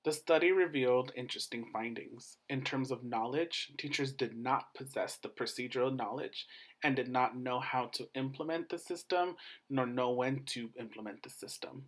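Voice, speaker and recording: Speaking in a formal, scripted academic manner, a man presents his research much like a doctoral candidate at a defense. His pitch is typical for a man, and he works through his points in short, measured phrases.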